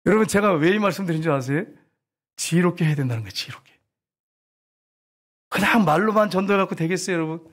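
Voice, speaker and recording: Korean-speaking preacher, a man with a higher voice. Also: animated, fast, pauses often. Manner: storytelling preacher, asks the congregation questions. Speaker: pastor. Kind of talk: sermon.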